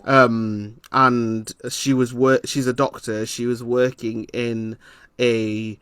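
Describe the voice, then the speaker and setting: Man from leeds chatting thoughtfully, lots of ums, dry sound, normal pitch. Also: little pitch movement, slow, a bit bright, smooth, dry recording. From Leeds, England. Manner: thoughtful, hesitant with frequent ums; laughs often while telling stories. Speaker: interviewer. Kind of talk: reflective conversation.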